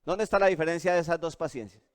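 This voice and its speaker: A man preaching a sermon as pastor, questioning his listeners over and over in an animated way. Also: on the high side, quick pace, clear, resonant tone. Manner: animated and questioning, asks the audience often.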